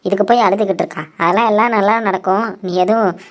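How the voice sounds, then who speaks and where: A woman voicing a brisk, bossy village woman in a cartoon. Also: mid-range voice. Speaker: cartoon narrator and voice actor. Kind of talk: cartoon voice acting.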